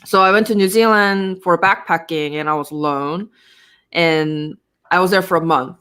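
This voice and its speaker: A woman's voice: on the low side, moderate pace, a bit bright, clean tone. A woman from Korea with a Korean accent, speaking English as a second language, talking casually as an interview guest with frequent fillers and restarts.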